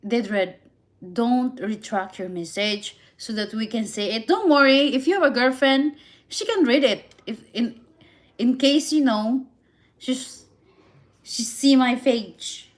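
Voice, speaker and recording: This woman from the Philippines hosts a live stream and chats casually, responding to viewer comments in halting English with many restarts. She has a Filipino accent from her first languages, Visayan and Tagalog, and her voice is a little high.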